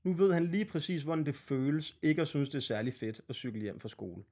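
A man's voice: on the high side, expressive, a little mellow. Blunt, swearing male podcast host. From Denmark. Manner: blunt, swear-heavy storytelling. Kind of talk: casual podcast chat.

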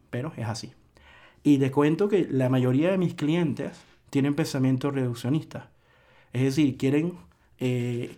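A man's voice: mid-range voice, warm tone. A man hosting a solo podcast, lecturing earnestly in a reflective monologue with frequent restarts. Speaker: podcast host.

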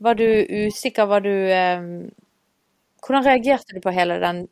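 A woman's voice: medium pitch, clear, resonant tone, no room sound, clean studio sound. A woman hosting an interview in casual chat, often stringing several questions together. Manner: chatty, piles up several questions at once. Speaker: podcast host.

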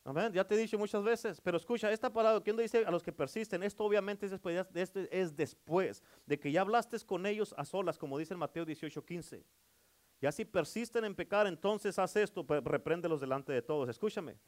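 Middle-aged pastor guy preaching hard, fairly high voice, keeps asking for amens. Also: fairly quick, a little mellow. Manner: emphatic, repetitive preaching with call-and-response amens. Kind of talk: sermon.

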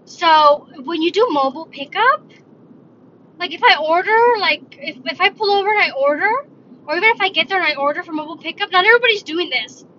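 A bright, high-voiced woman talks on her own in a loose, rambling way, often stopping to correct herself mid-sentence. She sounds like she is recording from her car. The audio is dull and lo-fi, with a faint hiss of noise behind her. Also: animated, brisk. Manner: rambling, self-correcting, chatty. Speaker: podcast host. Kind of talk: casual solo talk.

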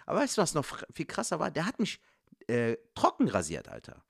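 A man's voice: a little high, wildly swooping pitch, fairly quick, gravelly, fairly bright tone, slightly rough, no echo, clean studio sound. A young man on a casual podcast, with slangy, laid-back banter. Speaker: podcast co-host and comedian.

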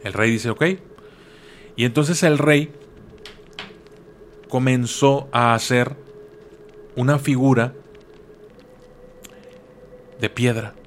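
A man's voice: medium pitch, steady tone, takes it slowly, long pauses, a little hiss or hum. A man telling a folk legend casually, with slang asides and repeated words. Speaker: storyteller. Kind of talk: casual oral storytelling.

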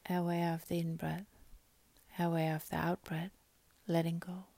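A woman guiding a meditation in a soft, breathy, half-whispered, calming voice, speaking in short phrases with long pauses. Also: lowish voice, no room sound. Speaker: meditation guide. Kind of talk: guided meditation.

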